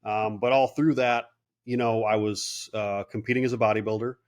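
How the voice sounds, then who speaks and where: A man's voice: on the low side, normal speed. A man in his late thirties, a clinic owner and guest, telling his story in casual interview talk and acting out what others said. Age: 30s. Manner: animated storyteller, quotes people in voices.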